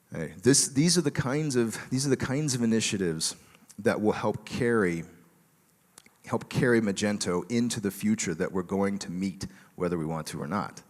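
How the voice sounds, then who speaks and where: A man giving a relaxed conference talk with a joking tone and many fillers, speaking in a large auditorium. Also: fairly low pitch, big-room sound.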